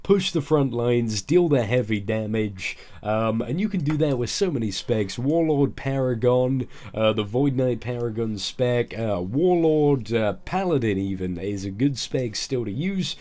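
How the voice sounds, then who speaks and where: A man's voice: medium pitch, animated, unhurried, few pauses, warm tone. A man who sounds ill and a little groggy, giving casual, explanatory commentary on a video game. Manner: explanatory, informal. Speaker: gaming video creator.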